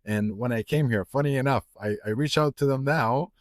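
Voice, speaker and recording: A middle-aged Egyptian man who sells watches chats casually in a podcast interview, with many fillers and restarts. His mid-range voice runs a little fast, and the sound is clean studio quality with no echo.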